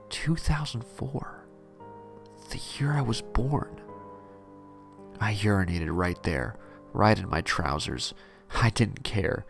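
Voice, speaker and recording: A man narrating a parody horror story in a deadpan first-person telling. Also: on the low side, vocal fry.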